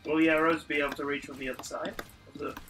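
Man, somewhat high voice, chatty friend, tosses out ideas, noisy recording. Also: level tone, very fast, recorded from a distance. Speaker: co-player friend. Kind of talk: casual gameplay chat.

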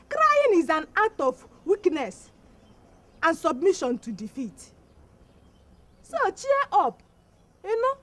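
Bossy village woman, Nigerian accent, high-pitched, slow, emphatic, defiant, film drama. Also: a bit bright, heavily acted. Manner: emphatic, declarative.

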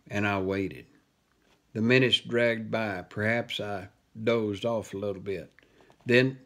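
Older male storyteller, playful and expressive reader for a children's book, middle pitch. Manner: expressive, playful, with small self-corrections. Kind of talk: reading a children's chapter book aloud.

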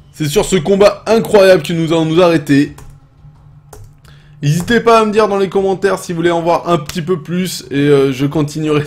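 A young French man giving casual, excitable commentary while playing a game, swearing often and talking to his viewers. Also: a little high. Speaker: gaming video host.

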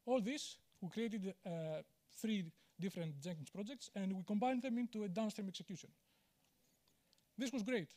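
A man's voice: sits high, moderate pace, a little mellow. A man, giving a conference talk on stage in a large auditorium, candid and self-deprecating, with many fillers and restarts. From Greece. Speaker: conference speaker. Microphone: handheld mic.

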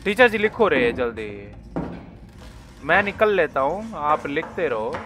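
A man's voice: a little high, very animated, measured pace, a bit bright, soft background music. A young man casually commentating a game as he plays, joking and teasing the enemies on screen. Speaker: gaming YouTuber. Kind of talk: casual Hindi gameplay commentary.

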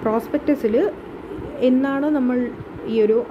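A woman teaches commerce over slides, switching between two languages and pausing often on fillers. She reads the English definitions out slowly and deliberately. Her somewhat high voice comes through a dull, muffled recording with clear background noise. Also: fairly even intonation.

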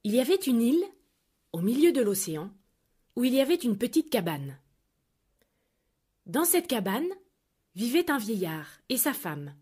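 A woman reads a children's fairy tale aloud in a clear, measured way. Her voice is high and full of lively rises and falls. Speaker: storyteller. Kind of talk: children's story narration.

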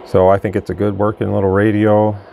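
Brisk and monotone, a man with a lowish, gravelly, mellow voice rambles through a casual, plain-spoken demo of a product at his indoor workbench as a radio bench reviewer and channel host. The audio is poor, with faint background noise and room ambience.

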